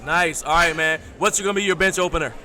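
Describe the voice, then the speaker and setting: A man hosting a powerlifting meet livestream chats with a lifter, asking friendly, casual questions over background crowd noise. He talks fast in a high, pushed, bright voice.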